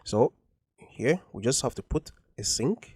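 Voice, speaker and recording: Guy teaching code over his screen, mid pitch, explains things twice, lots of ums, dry sound. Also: expressive, measured pace, darkish tone, breathy edge, no room sound. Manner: explains patiently, repeating points with frequent ums. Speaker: coding tutorial instructor. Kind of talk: screen-recorded coding walkthrough.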